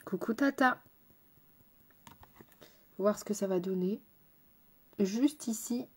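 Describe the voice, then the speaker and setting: A chatty woman makeup artist explains her steps as she works, at a middling pitch. Her tone is casual and direct, and she tosses playful asides to someone off camera. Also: slow, husky. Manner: chatty, addresses viewers directly.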